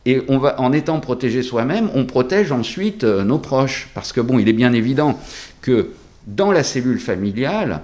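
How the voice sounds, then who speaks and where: A man is interviewed as a local doctor, talking through a face mask. His pitch is average, and he explains carefully, with hesitations and pauses between phrases. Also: a little mellow.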